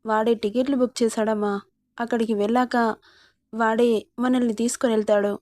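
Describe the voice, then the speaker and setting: A woman's voice: fairly high pitch, flat delivery, a little fast, a little mellow, no room sound, natural voice. A woman voicing a caring, protective middle-aged father in a storybook reading, tender with his daughter and firm with others. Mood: reassuring.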